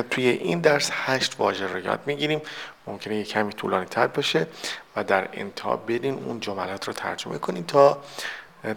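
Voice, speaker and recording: Gravelly male vocabulary teacher. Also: mid-range voice, fairly bright tone. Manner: explains step by step, mixing Persian with English examples. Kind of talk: recorded vocabulary lesson.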